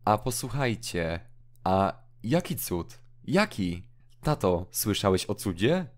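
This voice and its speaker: A man reading an audiobook drama, voicing a small curious child in a raised, excited tone. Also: slow pace. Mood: eager. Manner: high, excited questioning.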